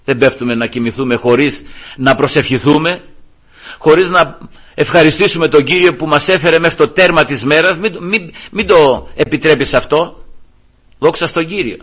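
A male preacher delivering a sermon, emphatic and repeatedly addressing his listeners as brothers, with a husky voice. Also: on the high side, a bit bright.

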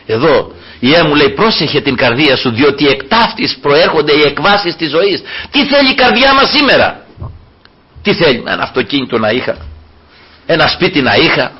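A man preaching a sermon, retelling scripture with lively storytelling and often calling the listeners brothers. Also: fairly high pitch, breathy edge. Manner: animated storytelling, acting out voices, addresses listeners as brothers. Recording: dull lo-fi recording.

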